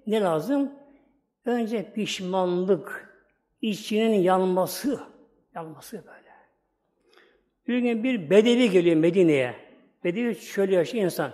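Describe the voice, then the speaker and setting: A man's voice: sits high, animated, normal speed, pauses often, darkish tone. A middle-aged man preaching a sermon, putting rhetorical questions to his congregation and retelling stories.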